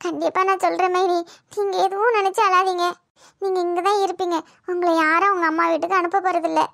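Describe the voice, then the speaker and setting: A woman's voice: very high-pitched, fairly even intonation, fast, gravelly, a bit bright, no echo, studio quality, heavily acted. A woman with a Tirunelveli Tamil accent voicing a caring young married sister-in-law in a cartoon, speaking in a soothing, coaxing way. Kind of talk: cartoon voice acting.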